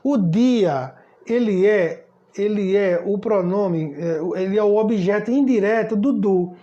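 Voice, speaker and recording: A man's voice: sits high, slow pace, warm tone. Chatty man teaching German. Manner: chatty, repeats "tá certo?", stumbles and repeats words. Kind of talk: casual spoken lesson. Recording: slightly dull lo-fi sound.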